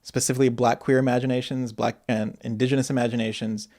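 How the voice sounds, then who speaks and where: A man in his thirties, a guest artist in a casual interview, telling his life story in a reflective, animated way. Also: medium pitch, quick pace. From grew up in Asia and Michigan.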